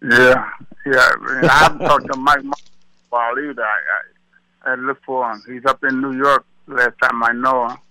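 A man in his seventies, a retired boxer, talking slowly and easily in an interview, often repeating words. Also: medium pitch, steady tone, bright, forceful tone, no echo, rough recording. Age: 70s. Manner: slow, easygoing, repeats words. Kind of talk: casual phone interview.

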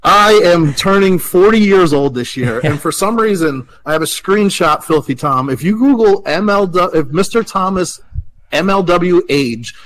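A man in his late thirties, a professional wrestler, talking in a relaxed, chatty way as an interview guest. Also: fairly high pitch, poor audio. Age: 30s. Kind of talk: casual interview talk.

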